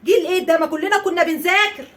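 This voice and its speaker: Loud, fast Egyptian woman with a high voice. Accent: Egyptian Arabic. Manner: loud, sarcastic and exasperated, rapid-fire ranting. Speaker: wife in a comedy sketch. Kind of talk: comedic domestic sketch.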